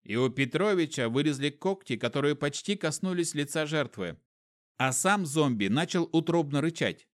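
Expressive male audiobook narrator. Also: fairly high pitch, normal speed. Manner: lively, expressive reading. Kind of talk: scripted narration of a fantasy novel.

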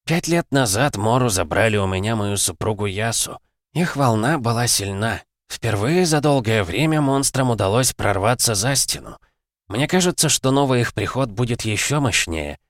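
A man's voice: fairly low pitch, lively intonation, normal speed, no echo, clean studio sound, voice pushed up. A man voicing a stern old clan head who speaks in a grave, commanding way. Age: older.

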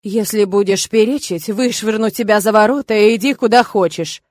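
A woman's voice: mid-range voice, moderate pace, darkish tone, dry recording, studio quality, close to an everyday voice. Woman voicing young male inquisitor, anxious, urgent, clipped, storybook reading. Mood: threatening. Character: tense young man, warrior inquisitor, anxious.

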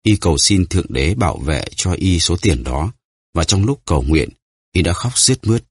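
A man narrating an audiobook in a steady storytelling way. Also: deep voice, moderate pace, breathy edge, no room sound, studio quality.

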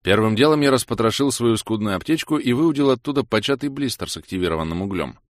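A man narrating a first-person audiobook in a steady, matter-of-fact way. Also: medium pitch, quick pace, no room sound, clean studio sound.

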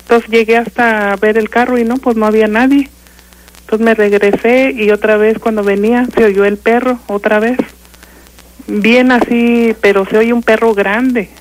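An older woman with a Mexican accent, calling in to a radio show and haltingly telling a ghost story, full of fillers and restarts. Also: on the high side, fairly even intonation, poor audio. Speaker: caller.

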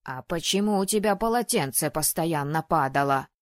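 A woman's voice: low-pitched, expressive, normal speed, no room sound, studio quality, pitched below the performer's own voice. A woman voicing a cantankerous old male ghost who scolds and grumbles at everyone. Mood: scolding. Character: grumpy old male ghost, a fussy disapproving father.

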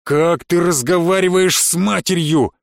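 A man's voice: big pitch swings, slow, gravelly, no echo, studio quality, heavily acted. A man playing a thundering, furious father. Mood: angry. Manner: booming, scolding. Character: stern angry father, thundering.

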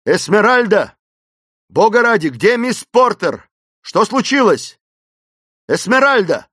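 A man doing a shouting, urgent young gentleman. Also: high-pitched, sing-song, slow pace, husky, dry recording, studio quality, pitched above the performer's own voice, full character voice. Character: young Englishman, urgent and commanding in a crisis.

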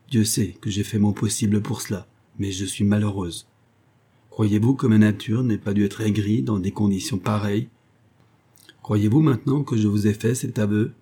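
A man reads an audiobook in a lowish, warm voice with a breathy edge. He voices a bitter, stern, unhappy twenty-three-year-old woman, raising his tone impassionedly.

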